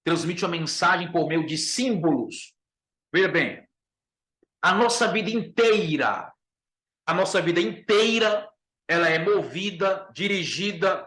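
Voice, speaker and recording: A man with a Brazilian Portuguese accent gives an emphatic Bible lesson as a pastor. His voice sits a little high and he repeats each key point to his listeners. The room is echoey. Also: fairly bright tone. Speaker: pastor teaching a class.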